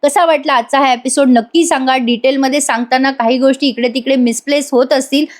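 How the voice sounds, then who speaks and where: A woman recapping a soap episode in a fast voice-over, often addressing the audience directly. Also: high-pitched, steady tone. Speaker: serial episode reviewer.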